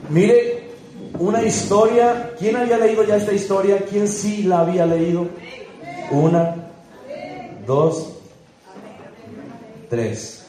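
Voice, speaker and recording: Pastor with a slow, mellow sermon voice. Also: male voice. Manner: preaching with dramatic swings of pitch and pace, praying fervently. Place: church. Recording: echoey church hall.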